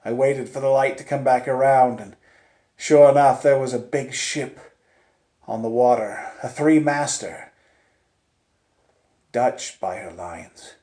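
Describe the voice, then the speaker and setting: Telling a first-person suspense story live, this medium-pitched man is theatrical and deliberate. He pauses for effect and shifts between hushed near-whispers and loud, urgent outbursts, all in a roomy, echoing recording.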